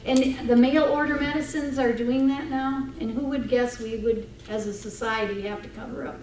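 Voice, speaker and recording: A woman's voice: fairly high pitch, fairly even intonation, moderate pace, darkish tone. A woman, a free clinic representative talking earnestly to a club meeting, with many ums and restarts. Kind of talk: casual talk to a club meeting. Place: meeting room. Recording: echoey room, distant mic, noisy.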